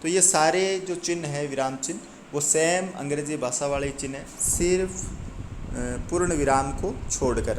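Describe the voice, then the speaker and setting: A man's voice: mid-range voice, background noise. A man teaching a Hindi grammar lesson to exam students, explaining step by step, asking and answering his own questions and reading out lists of number words.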